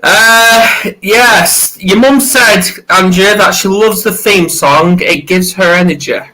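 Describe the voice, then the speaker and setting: Man, co-host, bright forceful voice, slow pace, playful, casual chat. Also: high-pitched, low-quality recording. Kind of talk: casual interview talk.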